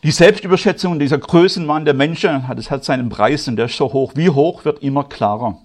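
A German-speaking man preaching a sermon, moving from quiet, measured delivery to loud, high, emphatic passages. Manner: grows loud and high-pitched when stirred, slow emphatic stresses.

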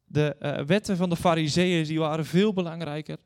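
A man's voice: a little high, steady tone, brisk, darkish tone. Earnest male preacher in an echoing church. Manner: earnest, storytelling, addresses congregation directly. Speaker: guest preacher. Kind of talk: sermon with Bible reading. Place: church hall. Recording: long church reverb.

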